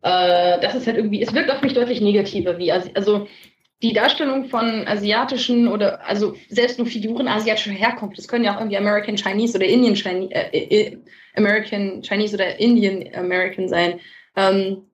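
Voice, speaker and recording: A woman's voice: mid-range voice, steady tone, brisk, highs cut off. A woman co-hosting a podcast in casual conversation, rambling and correcting herself. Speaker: podcast co-host. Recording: roomy, distant from mic.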